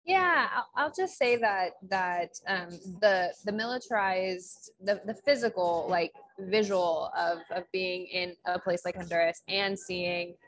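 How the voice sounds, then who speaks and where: A young woman speaks on a video call through an earbud headset, sounding casual and often saying "like." Her voice sits a little low for a woman. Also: unhurried, few pauses, fairly bright tone. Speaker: panelist.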